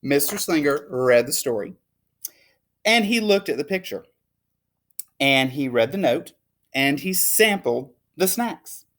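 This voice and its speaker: A woman reading a children's storybook aloud in an expressive, emphatic way. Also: low voice, unhurried, pauses often. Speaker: teacher reading a picture book aloud. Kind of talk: animated storybook read-aloud.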